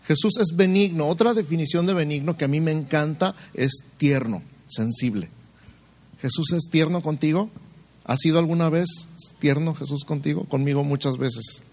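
A man preaching a sermon, asking the listener rhetorical questions and acting out short quoted voices. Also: on the high side.

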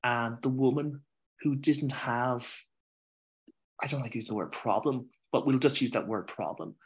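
Frank, animated Irish man. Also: medium pitch, normal speed, lo-fi sound. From Ireland. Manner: frank and animated, swears freely, trails off on tangents. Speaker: podcast guest. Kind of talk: candid conversational storytelling.

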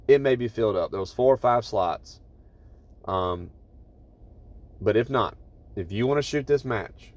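Low-voiced man, casual profane podcast host. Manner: profane, informal, emphatic. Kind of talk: casual solo podcast monologue, rambling anecdotes. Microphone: phone voice recorder app.

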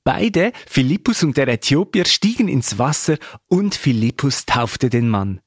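Man giving a measured scripture reading. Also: mid-range voice, expressive, husky, no room sound, clean studio sound. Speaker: scripture reader.

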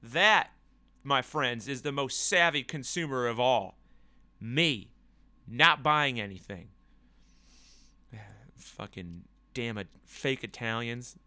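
A young man from the US Northeast rambles through a sarcastic, profane solo rant. His voice is bright and crisp. The sound is dry and close. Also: medium pitch, lively intonation, takes it slowly, pauses often, dry recording.

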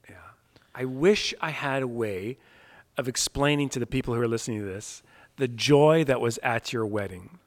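A man interviewing a guest in a casual chat, affirming and warm, growing lively when he recalls events. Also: medium pitch, moderate pace. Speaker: interviewer, pastor.

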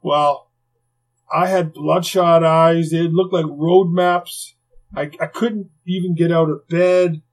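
An older man, a retired hockey player, tells stories in an interview in a lively, conversational way, with frequent asides and acted-out quotes. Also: a little high, slow, rough recording. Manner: lively, conversational, heavy on "you know" asides, acts out quotes. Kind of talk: anecdotal interview storytelling.

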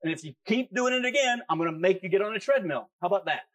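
A man's voice: high-pitched, animated, quick pace, a bit bright. A man preaching a sermon as pastor, emphatic and repeating key phrases for effect. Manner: emphatic, repeats key phrases, talks back to his own flesh.

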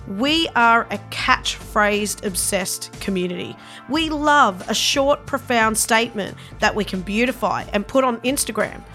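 An Australian woman with a fairly bright voice on the high side hosts a faith podcast. She reads a scripted intro, then chats with her guest in an eager, enthusiastic and earnest way.

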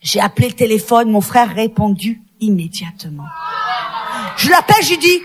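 A woman preaching a sermon to women, telling a personal story with passion and rising to shouted, sung-out peaks. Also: on the high side, big pitch swings, moderate pace, slightly rough. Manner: addresses a women's audience directly.

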